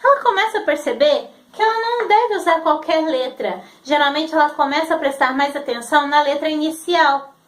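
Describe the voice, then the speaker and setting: A woman, teaching patiently and sounding out syllables slowly as she explains. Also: high-pitched. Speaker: literacy teacher. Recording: roomy echo.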